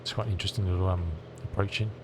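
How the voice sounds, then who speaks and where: Low-voiced man musing over engine rumble. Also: fairly even intonation, rapid-fire. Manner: musing, thinking aloud. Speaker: flight simulator streamer. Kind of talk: casual chat while playing. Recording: clear cockpit engine rumble behind. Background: aircraft engine rumble.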